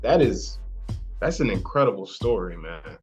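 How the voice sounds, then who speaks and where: An enthusiastic man hosts a podcast interview in a relaxed, chatty way. He greets his guests and cheers them on. The recording sounds a little dull and lo-fi. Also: lowish voice, moderate pace, music in the background. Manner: upbeat, enthusiastic, frequent praise. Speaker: podcast host. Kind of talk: casual interview chat.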